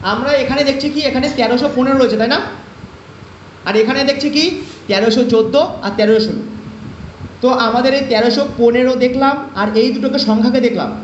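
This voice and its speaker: Teaching math online, a man with a very high-pitched voice questions himself and answers step by step. The call audio is lo-fi, dull and echoey, with a faint hiss or hum.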